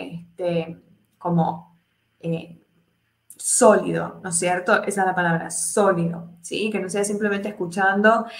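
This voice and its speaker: A woman teaching English in a live class, explaining step by step, checking in with her students constantly and voicing the example sentences higher. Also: a bit bright, reverberant. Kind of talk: live online English lesson.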